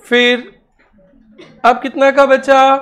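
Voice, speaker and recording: A woman teaching accounting, calling on students one by one, brisk and teasing as she urges them to answer. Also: sits high, little pitch movement, fairly bright tone. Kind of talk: classroom questioning.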